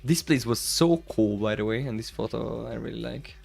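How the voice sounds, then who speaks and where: A man's voice: mid-range voice, normal speed, vocal fry, a little mellow, faint music behind. A young man from the Balkans chatting casually on a stream over vlog footage, rambling with lots of fillers and laughing easily. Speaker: streamer host.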